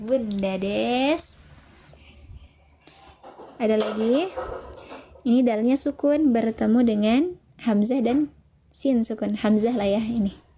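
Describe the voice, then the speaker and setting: A woman's voice: sits high, warm tone, a little hiss or hum. A woman teaching Quran recitation in an online lesson, patiently explaining step by step and reading out viewers' answers. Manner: patient, explains step by step, reads chat names aloud.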